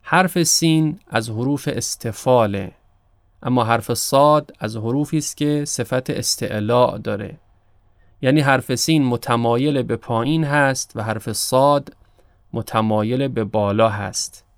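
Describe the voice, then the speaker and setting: Man, recitation teacher, smooth clear voice, dry close sound. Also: mid-range voice, no room sound. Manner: slow, careful demonstration of Arabic letters. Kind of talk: instructional explanation of prayer pronunciation.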